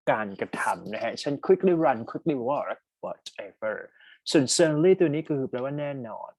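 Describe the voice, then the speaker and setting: In an online English test-prep class, a young man with a Thai accent reads exam sentences slowly, then explains them fast and tells students to put their answers in the chat. He has a slightly high, slightly mellow voice with wide pitch movement, and the recording is dry.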